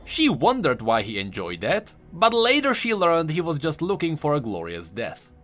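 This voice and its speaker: A video host with a slightly high, somewhat bright voice and huge pitch swings delivers an enthusiastic, conversational voice-over on game lore at a moderate pace.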